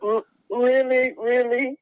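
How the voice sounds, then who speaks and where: A man's voice: extremely high pitch, slow pace, slight background noise. A man calling in to a podcast, heard through a phone held up to the mic, talking casually and a little hesitantly. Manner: casual, relaxed, slightly hesitant speech. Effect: phone call heard through a phone held up to the mic. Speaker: podcast caller. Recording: muffled, dull phone sound, dry.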